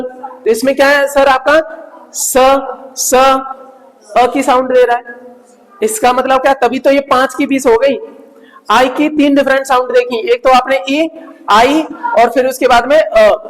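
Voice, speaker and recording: A man's voice: very high voice, big-room sound, rough recording. A male teacher giving a classroom lecture, asking his class questions and answering them himself.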